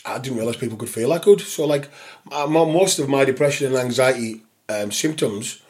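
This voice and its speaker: A man's voice: mid-range voice, brisk, a little mellow. A man with a broad Scottish or Cumbrian accent chatting casually as a podcast guest, sweary, slangy and matey. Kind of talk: casual chat, anecdotal.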